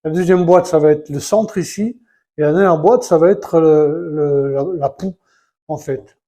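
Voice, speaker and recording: A man's voice: on the high side, unhurried, mellow. A man talking casually and hesitantly as he builds a model set, counting pieces aloud and restarting his sentences. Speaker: Lego building vlogger. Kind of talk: casual live building commentary.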